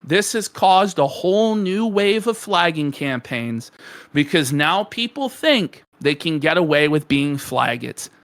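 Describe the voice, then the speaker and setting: A man's voice: on the high side, animated, measured pace. A man co-hosting a podcast, ranting angrily and profanely in heated commentary. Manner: angry ranting, profane, builds to shouting. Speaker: podcast co-host.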